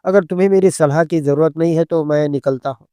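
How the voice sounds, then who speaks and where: A man voicing an elderly father-in-law who speaks in a gentle, pleading way in a story reading. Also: a little high, a little fast, clean tone, no room sound, lo-fi sound, natural voice.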